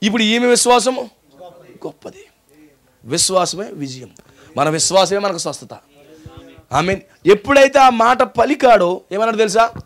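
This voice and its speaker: At a normal pace broken by long pauses, the pastor's high, ringing voice stays expressive and fairly bright, his Telugu accent clear. He retells the story through rhetorical questions and call-and-response, hammering the message home to his listeners.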